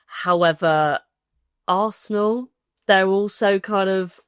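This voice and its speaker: A woman's voice: medium pitch, takes it slowly, dry recording. An English woman co-hosting a casual football podcast, chatty and giggly, often trailing off mid-sentence. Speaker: podcast co-host. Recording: dry, slightly rough sound.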